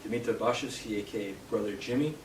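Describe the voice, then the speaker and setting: A young man from Canada giving a live poetry reading in a bookshop, hesitant with fillers between poems and steady in his verse. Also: on the low side, quick pace. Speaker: poet. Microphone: distant from the mic. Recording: roomy, distant, noisy live room sound.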